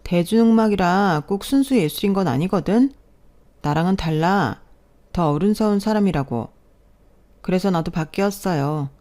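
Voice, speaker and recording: A woman voicing a stubborn young daughter in her twenties who insists in a raised, higher voice, in a narrated story drama. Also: lively intonation, normal speed, dark tone, close to an everyday voice. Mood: insistent.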